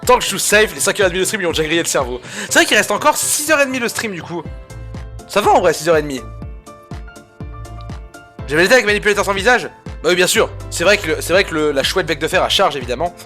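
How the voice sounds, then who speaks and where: A man streaming a card game, talking straight to his viewers with sarcastic swearing asides, jumping from loud outbursts to low mutters. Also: animated, fast talker, soft background music. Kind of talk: live-stream game commentary.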